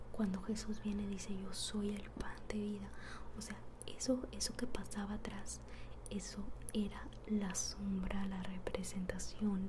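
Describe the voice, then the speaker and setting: A woman giving a soft ASMR Bible teaching in a breathy, barely audible whisper, hushed and explanatory. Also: medium pitch, background noise.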